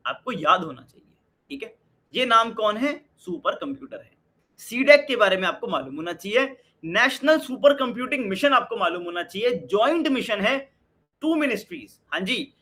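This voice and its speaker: Sharp and sitting high, this young Indian man's voice drives an energetic Hindi-English exam-prep lecture. He poses questions to the class and answers them himself.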